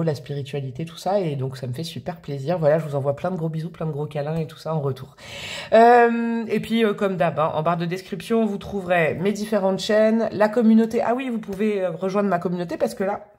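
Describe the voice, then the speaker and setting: A woman's voice: on the low side, a little mellow. A woman from France hosting a casual tarot reading, chatty and bubbly with slangy, affectionate talk. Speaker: tarot reader and channel host.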